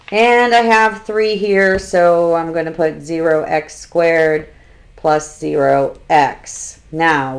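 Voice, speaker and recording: Slow-paced woman teaching calculus. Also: sits low, gravelly. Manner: unhurried, explains step by step; dry sarcastic asides. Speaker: math instructor. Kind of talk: recorded calculus lecture.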